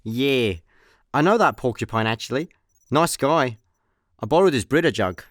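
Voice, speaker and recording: Here the same kind of role, an easygoing, scatterbrained Scottish-accented intergalactic slacker in a comedic sci-fi radio play, is voiced by a man at medium pitch and normal speed, close to an everyday voice. He sounds chatty, deadpan and flippant. The recording is studio quality with no room sound.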